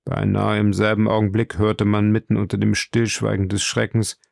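A man narrating an audiobook in a measured, dramatic way. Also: lowish voice, completely flat delivery, gravelly, no echo, clean studio sound.

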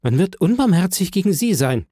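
A man's voice: high voice, very animated, a little fast, dark tone, husky, dry recording, clean studio sound, voice pushed up, heavily acted. A man voicing a pleading baroness. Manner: imploring, coaxing. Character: sweet-voiced pleading noblewoman, middle-aged.

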